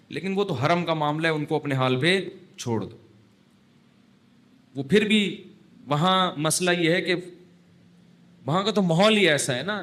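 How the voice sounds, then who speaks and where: A man giving a conversational religious lecture as a scholar, chatty and wry, scolding at times and telling stories. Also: on the high side. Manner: chatty and wry, acting out the call to prayer by stretching words; scolding, then relaxed and anecdotal. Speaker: Islamic scholar giving a talk.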